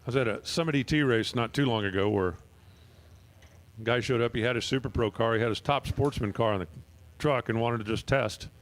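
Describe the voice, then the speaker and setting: A man's voice: medium pitch, fairly quick. A man announcing drag races at the track, reading times and speeds and joking between runs. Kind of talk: drag race commentary. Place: outdoor drag strip.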